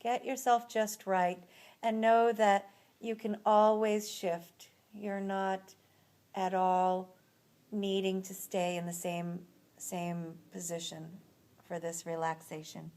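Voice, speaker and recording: In this guided relaxation, the female instructor is soothing and slow, pausing at length between phrases. She has a medium-pitched, darkish voice delivered at a level tone.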